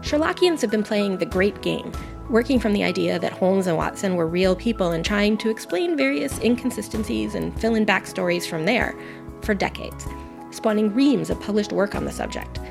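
A woman's voice: medium pitch, expressive, normal speed, creaky. A woman, a guest podcaster, reading a personal essay in an earnest, enthusiastic, reflective way. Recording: music playing under the voice. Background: background music.

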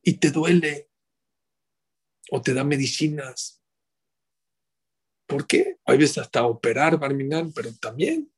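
A middle-aged man giving a sermon as a rabbi, animated and full of rhetorical questions to his listeners. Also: mid-range voice, a little slow, pauses often, breathy edge.

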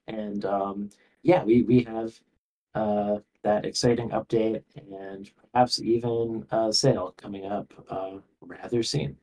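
A man guesting on a podcast, talking casually about his game with many pauses and restarts. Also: on the low side, steady tone, darkish tone, recorded from a distance, rough recording. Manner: hesitant, many ums and restarts.

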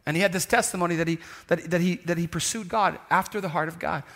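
Guy preacher, forceful high voice, chatty sermon style, hammers points by repeating them. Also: fast talker. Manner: emphatic, repeats phrases for effect. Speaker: pastor preaching to a congregation. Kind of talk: conversational sermon.

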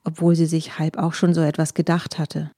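A woman narrating a children's audiobook with expressive storytelling. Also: low-pitched, moderate pace, no echo, studio quality.

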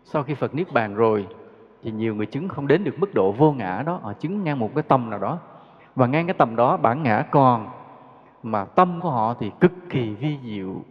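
Buddhist teacher, chatty dharma talk, muffled lo-fi sound with long hall echo. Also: male voice, mid-range voice, animated, moderate pace. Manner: conversational, rhetorical questions, chuckles. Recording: dull lo-fi recording with long hall reverb.

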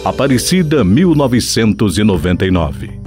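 A man's voice: fairly low pitch, very animated, moderate pace. Casting: Brazilian man, classic radio-serial announcer, solemn and dramatic, swooping delivery, prominent music underneath. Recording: studio voice over loud music bed. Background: loud guitar music.

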